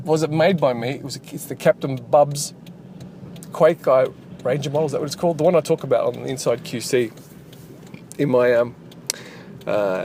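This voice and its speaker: A man's voice: medium pitch, a little mellow. A man who develops games, chatting casually and rambling while driving, with lots of fillers and restarts. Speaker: game developer and channel host. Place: inside a car while driving. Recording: road noise inside a moving car.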